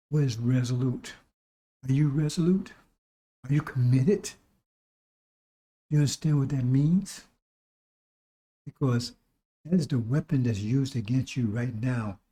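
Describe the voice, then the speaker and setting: Hoarse, very muffled-toned male preacher. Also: medium pitch, dark tone. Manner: exhorting, repetitive, with rhetorical questions. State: recovering voice. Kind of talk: sermon.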